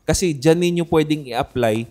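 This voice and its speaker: A man's voice: fairly high pitch, moderate pace, a little mellow. A man co-hosting a casual podcast, arguing his point and asking "right?" again and again. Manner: argumentative, repeats "di ba?" often. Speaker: podcast co-host.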